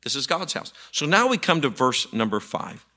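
A man's voice: a little high, very animated, normal speed, pushed and bright. A man pastor preaching a folksy, emphatic sermon, often repeating words as he builds his point.

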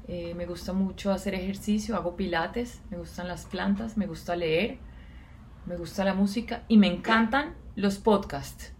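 A woman, co-hosting a podcast in a measured, reflective way. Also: mid-range voice, a little hiss or hum. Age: 40s. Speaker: podcast co-host. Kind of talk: casual podcast intro.

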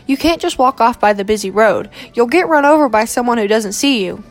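Storybook hero, a protective young man, soft and persuasive, read by a woman. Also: on the high side, expressive, fairly quick, faint music behind. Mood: coaxing. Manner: gentle, coaxing.

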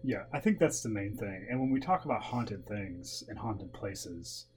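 A man's voice: lowish voice, animated, normal speed, darkish tone. A man co-hosting a podcast in casual chat about ghost stories, with a jokey, teasing manner. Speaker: podcast co-host. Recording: clear background noise with hum.

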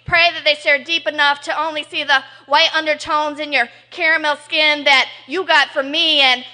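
A woman on a poetry cafe stage, talking nervously between halting pauses and performing spoken-word poetry. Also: sits high, steady tone, pushed and bright. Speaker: performing poet.

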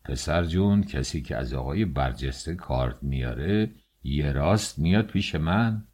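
A man voicing a middle-aged male office chief in an audiobook, speaking in a soft, soothing, patronizing way. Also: rumbling low, animated, breathy edge, heavily acted. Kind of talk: audiobook character voice.

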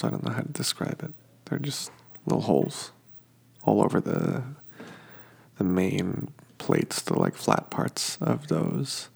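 A man sniffly from allergies hosts a sleep podcast from his home kitchen, giving a very slow, rambling description that drifts from detail to detail with many halting fillers. His low voice has heavy gravelly fry, a husky edge and a slightly mellow quality.

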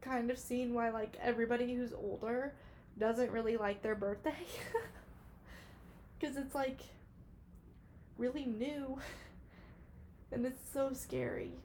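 A woman's voice: fairly high pitch, steady tone, slow, long pauses, a little mellow. Young woman, early twenties, solo podcast host, rambling, emotional, filler-heavy, faint background noise. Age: 20s. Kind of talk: casual solo podcast monologue.

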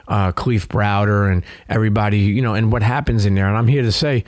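A man's voice: fairly low pitch, fairly even intonation, fast, no echo, clean studio sound. A middle-aged man with a Brooklyn New York accent, telling stories candidly as an interview guest in a streetwise, profane way peppered with "you know.". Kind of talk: candid conversational storytelling.

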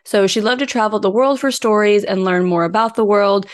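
A woman's voice: medium pitch, brisk. A woman co-hosting a true crime podcast, telling the case in an informal, conversational way from researched notes. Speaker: podcast co-host. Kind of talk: true crime podcast, case narration mixed with casual chat.

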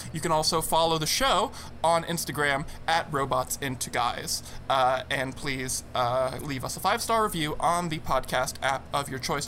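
A man's voice: a little high, bright, forceful tone, slight background noise. A man co-hosting a casual podcast, rambling and restarting his sentences as he plugs the show. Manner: rambling, repeats words and restarts often. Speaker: podcast co-host.

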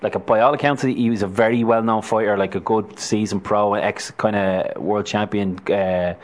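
A man's voice: on the low side, steady tone, moderate pace. A man co-hosting a sports show, chatting casually with lots of fillers.

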